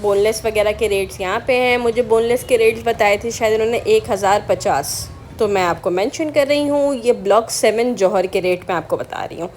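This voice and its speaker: A young woman vlogger talking casually over her footage, chatting with viewers and asking them questions. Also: mid-range voice. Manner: chatty, often asks viewers directly.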